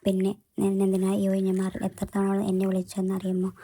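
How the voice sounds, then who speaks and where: A woman voicing a caring young man in a storybook romance, speaking in a gentle, reassuring way. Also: medium pitch, monotone, fairly quick, close to an everyday voice.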